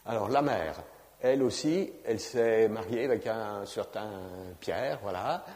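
A man's voice: lowish voice, lively intonation, measured pace, a little mellow. A man giving an informal lecture on genealogy, talking conversationally and often adding "hein" and fillers. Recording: reverberant lecture hall.

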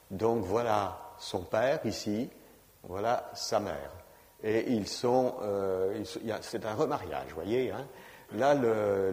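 A man's voice: on the low side, a little mellow. A man giving an informal lecture on genealogy, talking conversationally and often adding "hein" and fillers. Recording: reverberant lecture hall.

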